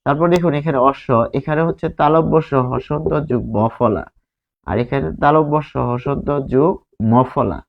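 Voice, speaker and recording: At a whiteboard, a man with a Bangladeshi Bengali accent teaches grammar, speaking slowly, repeating words and posing rhetorical questions. His voice is slightly high, and the recording sounds muffled.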